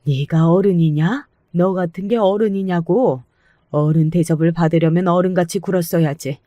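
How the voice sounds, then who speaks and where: A woman's voice: fairly low pitch, moderate pace, warm tone, no echo, highs cut off, lightly acted. A woman voicing a fierce, protective older mother in a radio-style story, with mocking, cutting retorts. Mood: scornful.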